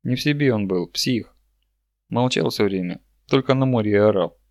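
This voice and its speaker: A man voicing a blunt, talkative young male villager in a book reading, speaking loudly and roughly. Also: fairly low pitch, moderate pace, no echo, studio quality, close to an everyday voice. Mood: grim.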